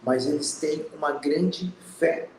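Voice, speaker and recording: A man in his fifties from Brazil, hosting a spiritual channel and giving a slow, earnest, reflective monologue. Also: fairly high pitch, darkish tone, reverberant, slight background noise, poor audio. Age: 50s. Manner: slow, pausing, earnest and introspective.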